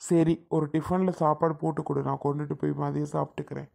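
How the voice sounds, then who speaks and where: A woman's voice: low-pitched, level tone, quick pace, vocal fry, warm tone, full character voice. A woman playing an emotional grown man, a doting elder brother who sulks and pleads in a family comedy skit. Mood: calm. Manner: pleading, tearful and sulky.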